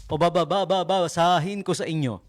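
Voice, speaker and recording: A stammering young job seeker pleads in a raised, strained voice, as a man puts him on. He hammers each first syllable many times before the word gets out. The tone sits well above the performer's own, loud and pushed. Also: sits high, steady tone, moderate pace, faint music behind, pitched above the performer's own voice, lightly acted. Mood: eager pleading.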